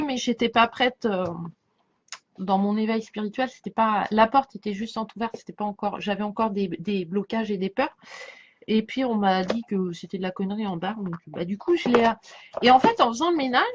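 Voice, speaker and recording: A woman with a fairly high voice and a slight lisp talks casually, as a tarot reader would to followers. She rambles, doubles back and lets sentences drift off unfinished. The sound is somewhat dull and lo-fi. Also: a little hiss or hum. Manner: halting, circling back, trailing off mid-thought. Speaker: tarot card reader giving a reading to followers. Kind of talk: casual rambling chat over a tarot spread.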